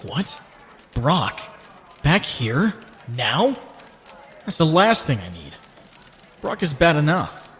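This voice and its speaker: A man's voice: medium pitch, slight background noise, natural voice. A man voicing an anxious, wisecracking young superhero in a comic dub, talkative and earnest.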